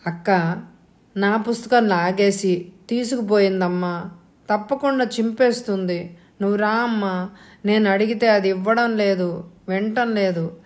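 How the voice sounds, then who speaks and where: A woman's voice: mid-range voice, unhurried, pauses often, lightly acted. A woman reading an audio novel, voicing an anxious young student begging her elder sister and mother. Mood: anxious pleading. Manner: pleading, anxious.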